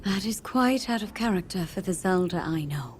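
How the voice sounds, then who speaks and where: Woman playing Queen Sonia, gentle low-voiced game queen. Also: animated, moderate pace, slight background noise, natural voice. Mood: composed, knowing. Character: gentle, perceptive ancient queen, motherly and playful. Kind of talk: video game cutscene acting. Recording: orchestral game music behind the voice. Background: music.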